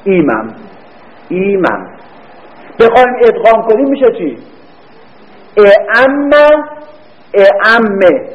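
Male teacher, high voice; quizzing lecture style, stretches repeated words; muffled lo-fi capture. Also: very animated. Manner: quizzes students, then answers his own questions; drawls words out slowly when repeating them. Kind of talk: classroom grammar lecture. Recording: dull lo-fi recording.

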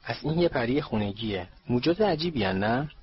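A man voicing an excitable teenage boy wizard who makes loud, eager remarks, in a lo-fi audiobook recording. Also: medium pitch, natural voice. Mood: excited.

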